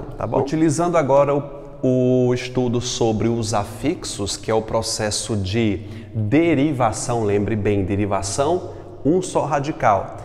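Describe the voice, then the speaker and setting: A man from Brazil, a Portuguese teacher, giving a recorded class, lively, asking and answering his own questions. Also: medium pitch, in a large hall.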